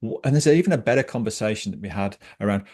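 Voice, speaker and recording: A man co-hosting an online webinar, talking in a passionate, animated and chatty way as a scrum trainer. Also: on the low side, fast. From Britain.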